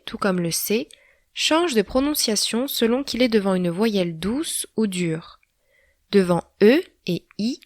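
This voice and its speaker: A woman narrating a scripted alphabet lesson at an unhurried, careful pace, spelling out each sound with clear emphasis. Her pitch sits in an ordinary middle range, and the recording is dry and close, with no room sound. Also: no room sound. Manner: slow, deliberate letter-by-letter pronunciation. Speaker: language teacher.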